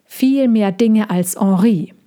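Slow, gentle woman storyteller. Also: medium pitch. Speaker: narrator. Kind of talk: storybook reading.

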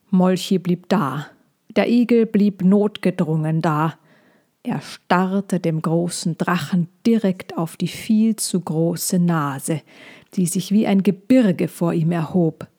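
A woman reads a children's story at an unhurried pace, her voice soft and mellow. She sits low in pitch and keeps a calm, measured telling, often sinking near a whisper.

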